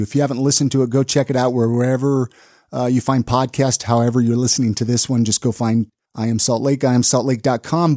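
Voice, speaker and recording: Man, podcast co-host, mellow tone, dry sound, relaxed, chatty. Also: mid-range voice, dry recording. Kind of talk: casual podcast conversation.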